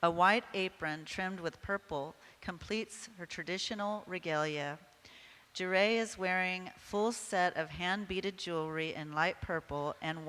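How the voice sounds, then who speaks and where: A woman's voice: fairly low pitch, a bit bright, smooth. A woman announcing pageant contestants, reading prepared introductions formally. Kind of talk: scripted announcing. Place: event hall. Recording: reverberant hall over PA.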